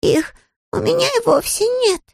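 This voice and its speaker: For an audiobook, a man voices a naive, polite young male bear in a very high, expressive, creaky voice pitched well above his own and heavily acted. He speaks at a moderate pace in an earnest, innocent, matter-of-fact manner, recorded in a clean studio with no room sound.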